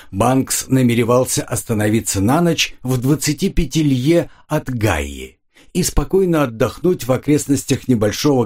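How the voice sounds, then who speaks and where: A man narrating an adventure novel in a measured, expressive reading voice. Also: mid-range voice. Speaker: audiobook narrator. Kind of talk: scripted narration.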